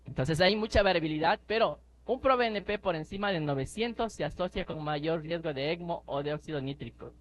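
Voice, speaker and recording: Emphatic high-voiced man giving a medical lecture. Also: fairly quick, few pauses. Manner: explanatory, emphatic, rhetorical questions. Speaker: neonatology lecturer. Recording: slightly dull lecture recording with faint noise.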